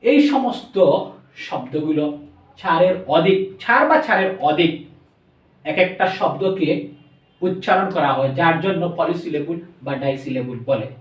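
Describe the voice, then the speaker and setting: A man with a Bangladeshi accent teaching a spoken English lesson, slowly stretching out words and mixing English into his explanations. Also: a little high, lively intonation. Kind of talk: classroom lesson. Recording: echoey room, voice from a distance.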